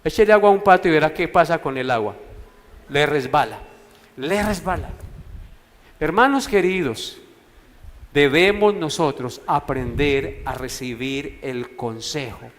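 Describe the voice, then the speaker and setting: A man, preaching a sermon as pastor in a slow, deliberate way, repeating key words for emphasis. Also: fairly high pitch, big-room sound. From Colombia. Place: church sanctuary.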